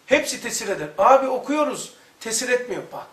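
A man with a very high voice gives an informal religious lesson, spinning colloquial, joking anecdotes and laughing at his own stories. He sounds well away from the mic, and his voice rings around an echoey room. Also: big pitch swings, brisk, a bit bright, recorded from a distance. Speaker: religious lecturer.

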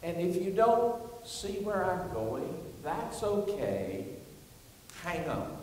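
A man's voice: sits high, very animated, takes it slowly, darkish tone. A male pastor preaching a sermon and reading scripture, asking the congregation to answer him. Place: church sanctuary. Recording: echoey church hall, distant mic, faint hiss.

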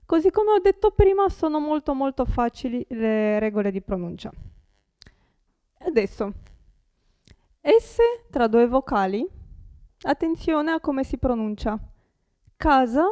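A young woman with an Italian accent teaching Italian pronunciation, saying each word slowly and carefully and repeating it. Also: high-pitched, mellow, dry recording, clean studio sound. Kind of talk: pronunciation lesson.

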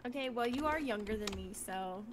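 A woman's voice: on the high side, brisk, a crowd in the background. A woman in her late twenties co-streaming a game, teasing and joking in a casual chat. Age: late 20s. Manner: teasing, joking, deadpan asides.

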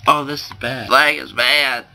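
Over slight background noise, a young man with a slight lisp gives laid-back gameplay commentary at a measured pace. His mid-range voice is sharp in tone and fairly even in intonation. He rambles, runs himself down, and fills his speech with fillers and restarts.

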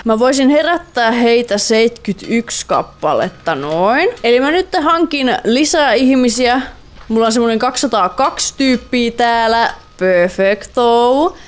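A young woman giving playful, chatty let's-play commentary, repeating words and mixing in English phrases. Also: a little high. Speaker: gaming YouTuber.

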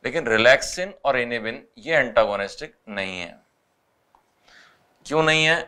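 A man with an Indian accent, a biology teacher going over test answers, mixing Hindi with English and reading questions out slowly. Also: mid-range voice, expressive, bright, forceful tone, clear, resonant tone. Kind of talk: explaining test solutions.

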